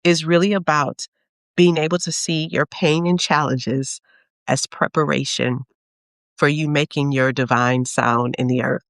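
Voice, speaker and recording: A woman's voice: low-pitched, fairly even intonation, unhurried, no room sound, studio quality. A woman who is an author and program leader, speaking in an earnest, reflective way as she gives a heartfelt spiritual talk.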